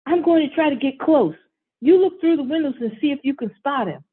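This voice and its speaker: A woman voicing an excited young boy who plays a hero and talks eagerly and urgently. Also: high voice, brisk, voice pushed up. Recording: tinny phone-like audio.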